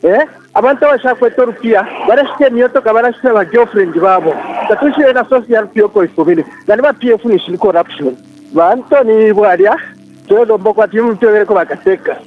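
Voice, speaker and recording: A man phoning in to a radio show, complaining rapidly and insistently while mixing a local language with English. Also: high voice. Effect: phone line. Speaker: radio call-in caller. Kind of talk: caller speaking on a phone line to a radio show. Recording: tinny phone-line call-in audio.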